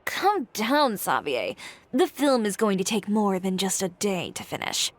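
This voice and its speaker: An actress playing a brisk, practical young woman on a film crew in a game, with a teasing edge. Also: mid-range voice, big pitch swings.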